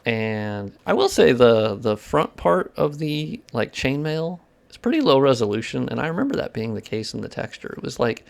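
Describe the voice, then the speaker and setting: Gravelly-voiced man streaming a game. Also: mid-range voice, sing-song, moderate pace, hardly any pauses. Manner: casual and profane, chatting with viewers while playing; technical explaining between bursts of reaction. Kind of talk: casual live-stream gameplay commentary.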